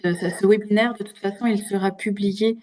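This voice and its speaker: A woman's voice: medium pitch, level tone, brisk, a little mellow. A woman presenting and moderating an online teacher workshop over a video call, speaking hesitantly with many filler sounds. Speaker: webinar presenter.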